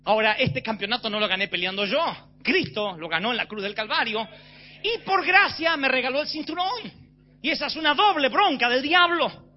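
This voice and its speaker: A man's voice: very high-pitched, expressive, moderate pace. A man preaching a sermon to a church congregation, pressing his points with emphatic, rising declarations. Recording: slightly dull with faint hum.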